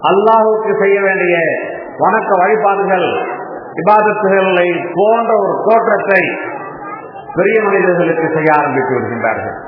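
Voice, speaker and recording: A man who heads an Islamic college gives a slow, emphatic sermon at a mosque compound, speaking through a PA with Arabic phrases woven in. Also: high voice. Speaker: Islamic college principal giving a religious lecture. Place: mosque compound, public address. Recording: very echoey, dull, noisy PA sound.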